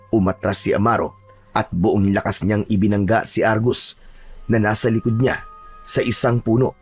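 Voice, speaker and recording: A man narrating a scripted horror story in a steady storytelling manner. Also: lowish voice.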